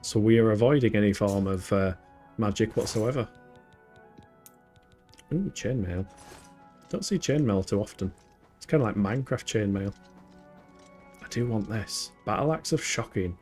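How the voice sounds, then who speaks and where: Man, game streamer, joking, chatty, slightly low voice. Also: moderate pace, long pauses, a little mellow, soft background music. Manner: chatty, joking, laughs often. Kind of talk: casual gameplay commentary.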